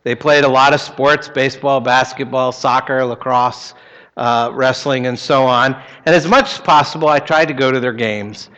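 A man's voice: mid-range voice, steady tone, normal speed, fairly bright tone, dull audio. A middle-aged man with an American accent preaching as a pastor in a conversational, plain-spoken way. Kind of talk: sermon with prayer and personal anecdotes.

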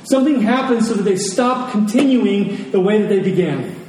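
A man with a high, slightly mellow voice preaches a conversational sermon at normal speed, animated and repeating key phrases for emphasis. He's in a large reverberant room, and the recording sounds very echoey, with a distant mic and faint noise.

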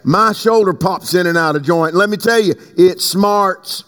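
A fervent male preacher with a notably high voice, booming out lines and then dropping to hushed asides. His words ring through a large church with a long, echoing reverb tail. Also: measured pace. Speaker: pastor. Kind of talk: sermon.

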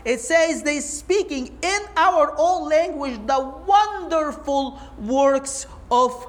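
High-voiced woman preaching emphatically. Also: takes it slowly. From Egypt. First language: Arabic. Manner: emphatic, animated preaching with rhetorical questions. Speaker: Bible teacher. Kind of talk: sermon-like teaching talk.

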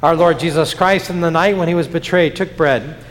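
A man leading prayers in a church chapel in a measured, solemn liturgical cadence, his voice ringing with a cathedral-like echo. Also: fairly high pitch. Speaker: pastor. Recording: long church reverb.

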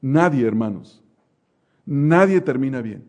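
A middle-aged man preaching a sermon, slowing down to stress his words and often calling the listeners brothers. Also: medium pitch, animated, a little mellow. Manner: preaching, slow emphatic phrasing, repeated "hermanos" addresses. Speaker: pastor.

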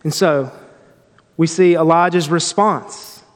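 A man's voice: a little high, steady tone, takes it slowly, big-room sound. A man giving an earnest, reflective devotional Bible teaching, often restarting his phrases.

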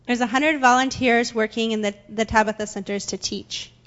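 A woman's voice: a little high, fairly even intonation, normal speed, a bit bright, highs cut off. A young woman interpreting into English for a guest in a church, slightly hesitant with fillers. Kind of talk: consecutive interpreting. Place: church sanctuary.

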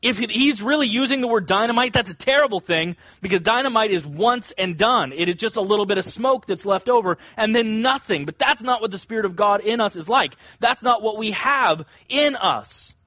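High-voiced male preacher, emphatic and deliberate. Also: lively intonation, sharp tone, dry recording, highs cut off. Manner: emphatic, deliberate, with stressed key words. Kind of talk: expository sermon, teaching verse by verse.

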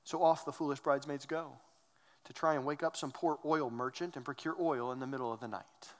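A man's voice: on the high side, fairly even intonation, a little fast, big-room sound. A man preaching a sermon, earnest and emphatic, asking rhetorical questions. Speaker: pastor.

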